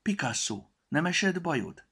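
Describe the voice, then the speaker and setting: A man voicing a brave, curious little girl in a storybook reading, with high, excited exclamations. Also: creaky, husky, heavily acted. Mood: relieved.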